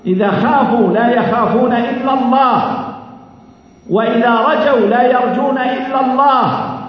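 A man preaching a sermon in an Algerian Arabic accent, earnest and emphatic, stretching out key phrases and repeating them. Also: moderate pace. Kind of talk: mosque sermon. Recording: echoey hall, dull low-fi sound.

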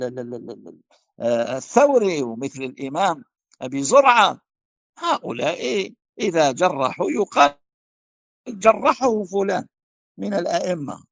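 A man's voice: sits high, sing-song, normal speed, vocal fry, pauses often, no echo. A man answering a question as a religious scholar, emphatic and declaiming, with repeated rhetorical questions and stumbles on words. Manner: emphatic, rising to forceful declarations.

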